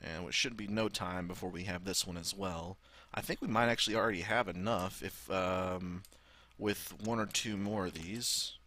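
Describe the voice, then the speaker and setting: Swearing freely and thinking aloud, a Southern US man rambles casually through gameplay commentary as a gaming video host. He speaks at a moderate pace in a low-pitched, bright and forceful voice.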